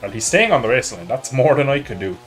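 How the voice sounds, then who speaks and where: Over loud music, a man with an Irish accent talks fast in a mid-range, sing-song voice. He streams a motorbike racing game, chatting loosely, cracking jokes and making fun of himself as he rambles.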